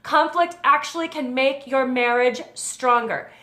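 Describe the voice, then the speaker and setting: A woman's voice: high-pitched, unhurried, pushed and bright, roomy sound. A middle-aged woman hosting a short talk for mothers, talking through a numbered list of advice in a friendly, conversational way. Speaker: host.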